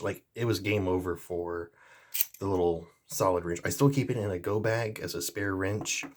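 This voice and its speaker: A man reviewing pocket pliers in a casual, rambling vlog. He is easygoing, with many fillers and restarts. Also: on the low side. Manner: jokey sign-off.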